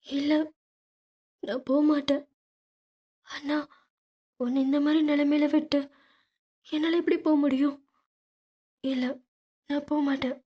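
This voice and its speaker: A woman's voice: sits high, flat delivery, takes it slowly, pauses often, darkish tone, husky, pitched above the performer's own voice, heavily acted. A woman voicing a terrified young woman in an audiobook, tearful and pleading. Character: young woman, terrified sister begging thugs.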